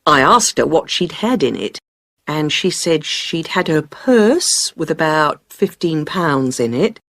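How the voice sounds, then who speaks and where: A rambling witness recounting a street theft to the police in a scripted listening test. Her voice sits low and husky, and her pitch swings widely as she tells it. The recording is dry and close. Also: slow pace, dry recording, full character voice. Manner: rambling, lively storytelling. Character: chatty female witness recounting a street bag snatch.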